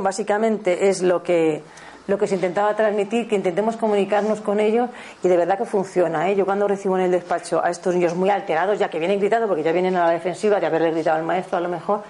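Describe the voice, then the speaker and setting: A woman's voice: medium pitch, fairly even intonation, dark tone. A woman in her fifties with a Spanish accent from Spain, a teacher giving a spiritual talk on parenting, who often corrects herself and checks in with her listeners. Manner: fast, self-correcting, checks in with the audience.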